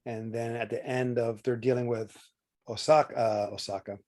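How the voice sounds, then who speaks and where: A man's voice: medium pitch, fairly even intonation, normal speed, a little mellow. A man co-hosting a casual watch-party chat, rambling and stumbling over names, with plenty of "you know". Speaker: co-host.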